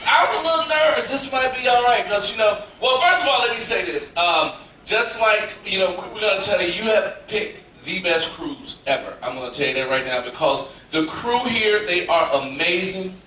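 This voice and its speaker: A man from Memphis, doing loud, playful stand-up crowd work live on a cruise ship stage. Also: high-pitched, lively intonation, normal speed, slight background noise. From Memphis, Tennessee, US. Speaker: stand-up comedian. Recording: echoey live theater from far off, loud crowd.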